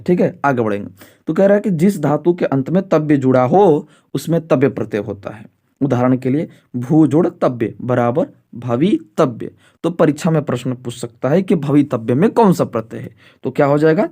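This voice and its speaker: Man, fairly high voice, Sanskrit teacher, exam prep, answers his own questions, slows down for examples. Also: dark tone, breathy edge. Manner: repeats rhetorical questions and "ठीक है" to check understanding; slows to spell out word forms.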